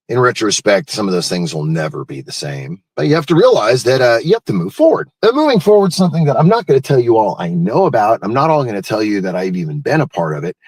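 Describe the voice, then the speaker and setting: A man's voice: on the low side, no room sound. Man, live morning show host, folksy and digressive, swooping intonation, dry sound. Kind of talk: casual rambling morning show talk.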